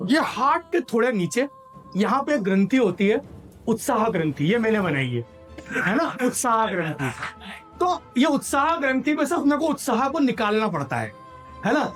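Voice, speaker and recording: A male sales trainer giving an energetic motivational seminar in a hall and drilling the audience to repeat his lines. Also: extremely high pitch, normal speed, faint music behind.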